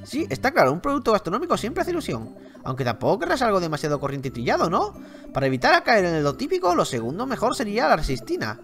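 A man with a Spain Spanish accent reading aloud the lines of a chatty, tiresome male game character, a bit lower and softer than his own talk. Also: wildly swooping pitch, quick pace, faint music behind, heavily acted.

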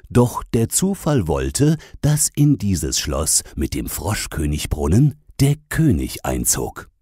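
A man's voice: sits low, warm tone, slightly rough, no room sound, studio quality. A man narrating a comic fairy-tale parody in a mocking, sarcastic tone. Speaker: storyteller.

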